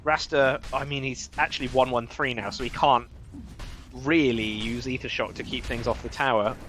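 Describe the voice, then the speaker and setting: A man casting a live esports match, chatty and wry with quick reactions. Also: mid-range voice, fairly even intonation, a bit bright, soft background music. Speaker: esports caster. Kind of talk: live game commentary.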